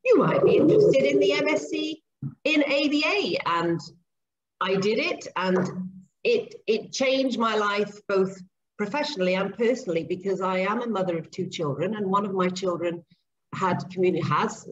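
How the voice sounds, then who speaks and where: Chatty woman on a muffled video call. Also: lowish voice. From grew up in Zambia and Papua New Guinea. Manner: chatty, earnest, explains at length. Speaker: guest, speech and language therapist. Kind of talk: casual video-call interview. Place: home kitchen, indoors. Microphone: laptop webcam mic on video call. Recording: dull lo-fi call audio, faint noise.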